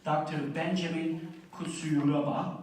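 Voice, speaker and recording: A man's voice: a little high, fairly even intonation, slow, a little mellow, a little hiss or hum. A man hosting a conference, introducing the keynote speaker and reading his bio aloud, stumbling over the name. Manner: apologetic, stumbling over names. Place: large hotel auditorium. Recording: very echoey hall from far off.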